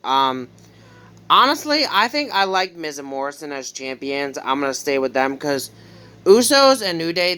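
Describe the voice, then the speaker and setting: A casual vlogger talks through predictions in a loose, hesitant way, stopping on ums and correcting slips as they go. The voice is crisp and smooth, with a bright, forward edge. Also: medium pitch. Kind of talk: casual wrestling prediction talk.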